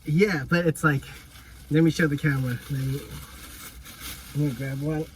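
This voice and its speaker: A man's voice: a little high, steady tone, normal speed, slight background noise. A man co-hosting a casual podcast chat, rambling with lots of filler words and talking while he chews. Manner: talks while chewing. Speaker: podcast co-host.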